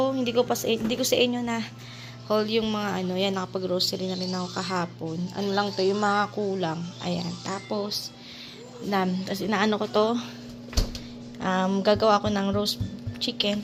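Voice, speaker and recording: A woman's voice: medium pitch, fairly even intonation, normal speed, over music. A woman chatting casually in a home vlog, showing her fridge and her groceries, switching between Tagalog and English. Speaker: vlogger. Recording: noticeable background noise.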